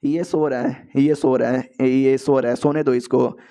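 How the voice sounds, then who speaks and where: A man's voice: mid-range voice, fairly even intonation, a little slow, mellow, voice pushed down, natural voice. A man voicing a grieving female demonic fox spirit who pleads and repeats herself in an anime recap. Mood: pleading.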